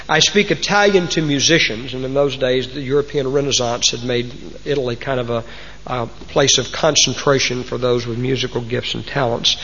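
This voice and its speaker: This preacher's mid-range voice sounds pushed and bright as he addresses a congregation in a Texas accent. His sermon is homespun and folksy, full of old sayings. The audio is muffled and echoes through a large hall.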